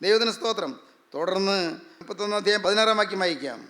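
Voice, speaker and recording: A man's voice: sits high, fast, pushed and bright. A man preaching a sermon, emphatic and repeating his phrases.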